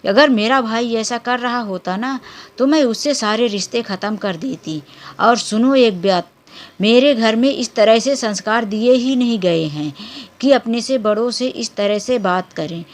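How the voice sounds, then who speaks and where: A woman's voice: a little high, a little slow, lightly acted. A woman voicing a proud, indignant sister-in-law who snaps back at her husband in a spoken story. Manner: sharp and indignant.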